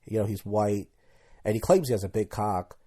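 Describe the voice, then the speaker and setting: A man's voice: lowish voice, normal speed, warm tone. A man in his thirties hosting a solo podcast, talking casually and candidly, rambling and tripping over his words as he goes. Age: 30s. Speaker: podcast host.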